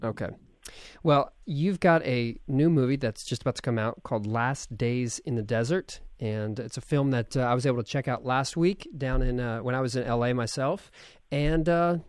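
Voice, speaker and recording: A man's voice: mid-range voice, normal speed, clear, resonant tone, no room sound. A man hosting a podcast, chatting casually and rambling with many fillers. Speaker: podcast host.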